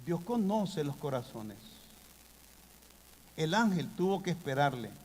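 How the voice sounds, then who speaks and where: A man preaching a sermon, impassioned, with sudden loud bursts. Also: on the high side, very animated, unhurried. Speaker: pastor. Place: church hall. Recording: long hall reverb.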